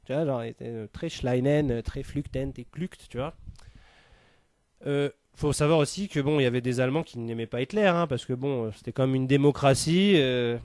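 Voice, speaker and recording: Man, comic monologue, rambling, many fillers, smooth clear voice, dry close sound. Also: mid-range voice, fairly quick, darkish tone, no echo. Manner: rambling, full of hesitations and fillers. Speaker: comic storyteller.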